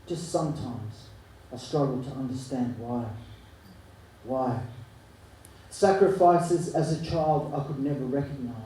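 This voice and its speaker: Man, spoken word poet, high voice, dark mellow tone, heard from a distance. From Chile. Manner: rhythmic rhyming delivery swinging between hushed and forceful. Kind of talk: live spoken word poetry. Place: live arts venue. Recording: echoey room, mic from far off.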